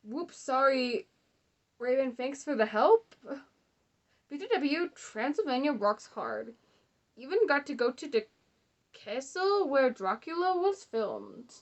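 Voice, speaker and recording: A woman's voice: high voice, big pitch swings, slow, long pauses. Laughing young woman reading aloud sarcastically. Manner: sarcastic, laughing, swearing asides. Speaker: host reading fan fiction aloud. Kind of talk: casual comedic read-along.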